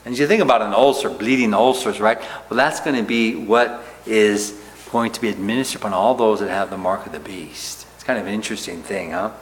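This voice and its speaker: A man's voice: fairly low pitch, a little fast, in a large hall, slight background noise, poor audio. A male pastor teaching verse by verse in a conversational way, often checking in with "right?" and "okay?".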